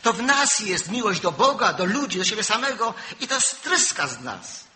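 Older guy preaching, really bright sharp voice, storytelling, goes loud then drops low. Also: big pitch swings, normal speed, a little hiss or hum, low-quality recording. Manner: storytelling, swings from loud emphasis to low asides. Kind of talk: sermon.

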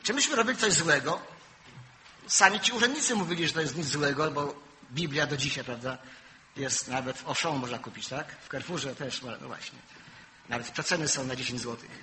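Older man preaching, bright and emphatic. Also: brisk, slight background noise, rough recording. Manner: storytelling, swings from loud emphasis to low asides. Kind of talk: sermon.

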